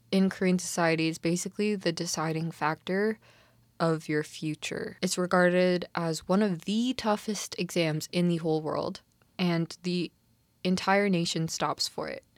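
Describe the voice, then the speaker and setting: A young Canadian-accented woman with a lowish voice talks at a moderate pace on a dry recording. Co-hosting a casual podcast, she discusses a TV drama in a slangy, informal, emphatic manner.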